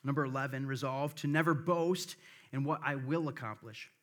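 Here's a sermon from a middle-aged American pastor with a Midwestern accent gently softened by the South. He speaks at medium pitch and a moderate pace, reading scripture sincerely and now and then asking the congregation "right?"

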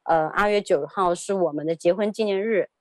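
A woman's voice: on the low side, a little fast, no room sound. A woman in her thirties telling a personal story as an interview guest, hesitant, often repeating words and laughing.

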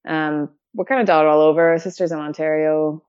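A woman from Canada chatting in a relaxed interview, laughing often and using lots of fillers. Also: sits low, a little fast, smooth. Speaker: guest. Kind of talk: casual conversation. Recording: dull lo-fi audio.

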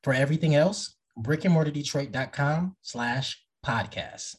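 A man with a husky voice hosting a podcast and reading announcements to listeners. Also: fairly high pitch, moderate pace. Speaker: podcast host.

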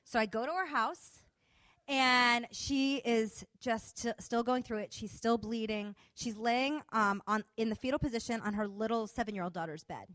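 Expressive woman sharing a faith story, acting out dialogue, fairly high pitch. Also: moderate pace, dry recording. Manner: animated, expressive retelling with quoted dialogue. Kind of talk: personal testimony storytelling.

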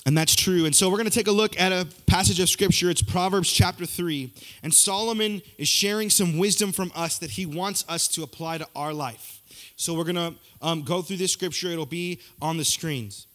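Young male youth pastor, slightly high voice, lively repetitive church sermon. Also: moderate pace. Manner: energetic, repetitive, conversational preaching.

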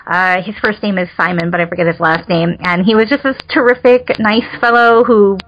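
A woman's voice: mid-range voice, steady tone, fairly quick. A woman, a novelist being interviewed, talking casually about her book with lots of fillers and frequent laughs. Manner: chatty, laughs often, many fillers. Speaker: novelist guest. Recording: muffled lo-fi audio with faint noise.

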